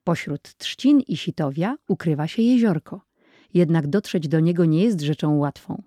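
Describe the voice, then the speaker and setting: A narrator voicing a proud, excited young boy telling how he caught fish, in an audiobook. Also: medium pitch, normal speed, no echo, clean studio sound, lightly acted. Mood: boastful. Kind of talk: audiobook character voice.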